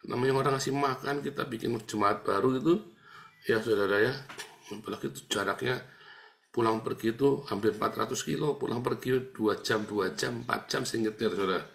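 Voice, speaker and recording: Relaxed and conversational, a middle-aged pastor preaches in a creaky mid-range voice, a little fast. He frequently speaks directly to his listeners, building to emphatic lines before dropping into a soft, murmured prayer.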